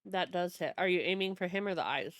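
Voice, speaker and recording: A woman's voice: on the low side, fairly quick, no room sound. A woman running a tabletop game as game master, thinking aloud as she goes.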